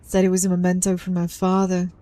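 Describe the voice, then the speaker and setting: A woman doing a gruff young male detective. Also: lowish voice, completely flat delivery, quick pace, warm tone, pitched below the performer's own voice, lightly acted. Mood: guarded.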